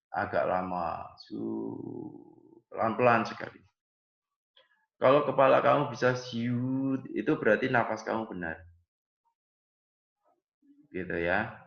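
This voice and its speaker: A man's voice: medium pitch, gravelly. A man teaching a nursing class, explaining patiently and often tagging phrases with "ya". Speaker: nursing lecturer. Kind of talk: online class lecture. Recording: echoey room, dull lo-fi audio.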